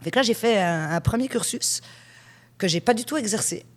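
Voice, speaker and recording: A woman in her forties, originally Swiss, talks a little fast in a mid-range voice. As a hypnotherapist guest in a conversational interview, she discusses her working life frankly, a lively and chatty storyteller.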